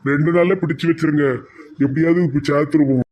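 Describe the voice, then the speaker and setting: A man's voice: fairly high pitch, fairly even intonation, fast talker, darkish tone, lightly acted. A man with a Tirunelveli Tamil accent, voicing a harsh, demanding boss in a village comedy cartoon. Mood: stern. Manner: commanding, scolding.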